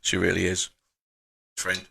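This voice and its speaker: A man's voice: low voice, monotone, a little slow, gravelly, background noise. A man hosting a casual live stream, chatting with frequent fillers and sighs as he reads out viewer comments.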